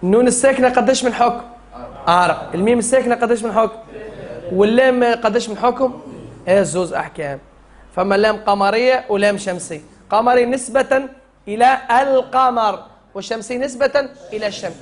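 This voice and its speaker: A man's voice: extremely high pitch, quick pace. A man with a Tunisian Arabic accent teaching a Quran recitation class, drilling the students and chanting the rules in verse.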